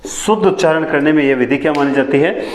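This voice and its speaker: A man teaching a lesson, who repeats key phrases back as questions and sometimes talks fast enough that his words tangle. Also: a little high, reverberant, a little hiss or hum. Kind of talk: classroom lecture on teaching methods.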